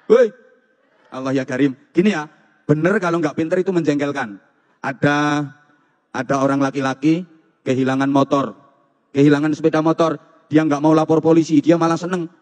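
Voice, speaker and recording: A man with a Javanese accent preaches a humorous sermon, teasing the crowd and hammering phrases in playful repetition. His voice sits a little high for a man, and it rings with the long reverb of a large hall. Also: steady tone, moderate pace, pauses often, darkish tone. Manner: jokey, repetitive rhythmic phrasing, teasing the audience.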